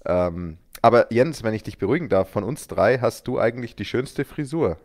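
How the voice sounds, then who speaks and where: A man's voice: lowish voice, animated, normal speed, a little mellow. A man in his thirties co-hosting a casual podcast over a call, joking dryly about himself. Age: 30s. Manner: dry, self-mocking humor. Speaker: podcast co-host. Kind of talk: casual chat.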